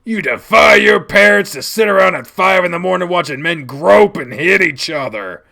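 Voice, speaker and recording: A stern, bullying animal dad, voiced by a man, with a tense, forceful voice and some gravel in it. He scolds with contempt and menace, swinging widely in emphasis, as in a dramatic audio story. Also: medium pitch, animated, moderate pace, exaggerated voice. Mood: disgusted.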